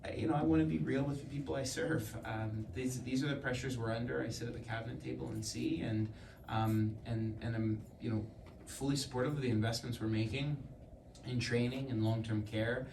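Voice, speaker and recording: A man speaking as a politician answering a question at a public event, earnest and halting, often repeating words. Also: medium pitch, fairly even intonation, vocal fry. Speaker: provincial government politician. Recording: echoey room, distant mic, faint noise.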